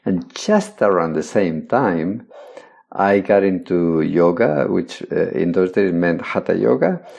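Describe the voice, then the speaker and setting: A man's voice: low voice, expressive, takes it slowly, gravelly, darkish tone, dull audio. An older man from Spain, a guest speaking reflectively on a podcast over a video call. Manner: reflective, thoughtful, laughs lightly. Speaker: guest, meditation teacher.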